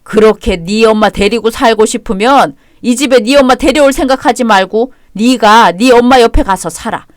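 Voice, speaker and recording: An actor voicing an older father-in-law who is blunt and domineering, talking in a gruff, commanding way. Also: mid-range voice, normal speed, few pauses, dry recording, studio quality, lightly acted. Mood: scolding.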